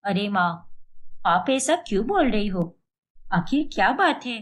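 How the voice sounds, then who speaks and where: A woman voicing a kind, loyal young married woman who gently reassures her mother in an animated storybook. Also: mid-range voice, a little slow. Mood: gentle.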